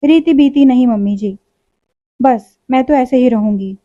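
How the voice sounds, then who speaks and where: A woman's voice: high voice, a little slow, dry recording. Woman playing a cheeky young bride. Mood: coaxing. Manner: coaxing, pleading, playful. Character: cheeky, affectionate young new daughter-in-law. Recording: dull lo-fi recording.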